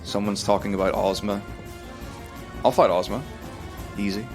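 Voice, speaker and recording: A man's voice: lowish voice, fairly even intonation, normal speed, music in the background. A man with a Northern Irish accent giving live speedrun commentary, rambling through explanations with frequent restarts. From Northern Ireland.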